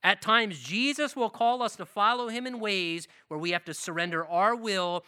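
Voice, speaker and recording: A man preaching a sermon as pastor, emphatic and animated, building his points through long lists of phrases. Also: high-pitched, normal speed, clean tone, no echo, studio quality.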